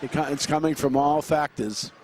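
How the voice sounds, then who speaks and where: A man calling play-by-play for a high school basketball game, running through quick action with frequent fillers and restarts. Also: steady tone, background noise. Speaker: play-by-play announcer.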